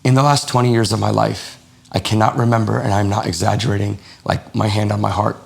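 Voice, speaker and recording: A man from the United States speaks as a podcast guest, with a low, gravelly voice full of vocal fry. He tells personal stories in a relaxed, conversational way and slips into the voices of people in his anecdotes. The delivery is animated and unscripted. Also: a little fast. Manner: animated, acts out quoted dialogue. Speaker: podcast guest, lifestyle coach. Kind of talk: casual interview storytelling.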